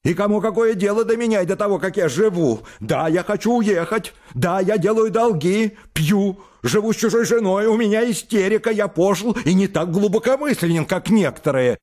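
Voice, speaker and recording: Man doing a hysterical young man, high strained voice, shouting outbursts, wild pitch swings, audiobook reading. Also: lively intonation, moderate pace, few pauses. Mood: shrill indignation.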